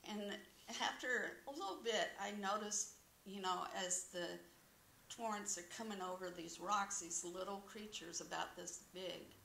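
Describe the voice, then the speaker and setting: A woman's voice: medium pitch, unhurried, gravelly, sharp tone, slight background noise. A middle-aged woman sharing an earnest personal testimony at a church podium, telling a story and quoting scripture. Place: small wood-paneled church sanctuary, indoors. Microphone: podium microphone. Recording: roomy church echo.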